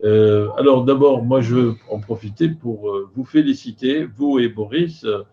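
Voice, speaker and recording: An older man hosting a live film event, courteous and very hesitant, with slightly slurred speech from loose dentures. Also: mid-range voice. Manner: halting, hesitant, courteous, with frequent long filler pauses. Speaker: host of a film festival video conference. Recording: dull video call audio, faint noise.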